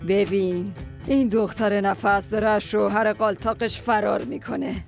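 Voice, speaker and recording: Older mother-in-law, gravelly and domineering, voiced by a woman in a drama dub. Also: medium pitch, fairly even intonation, faint music behind, lightly acted. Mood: stern. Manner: scolding, commanding. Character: bossy older village mother-in-law, sharp-tongued matriarch.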